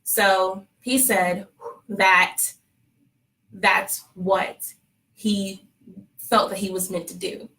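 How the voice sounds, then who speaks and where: A woman's voice: medium pitch, level tone, drawn-out words, pauses often, poor audio. Chatty, laughing Texan woman. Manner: warm, laughs often, chatty storytelling. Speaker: fertility clinic staffer sharing her story. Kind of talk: casual chat on a live stream.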